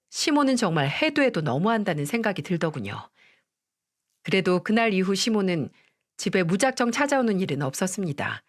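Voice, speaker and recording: A woman narrating a first-person story for storytelling radio in a confiding, expressive way. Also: medium pitch.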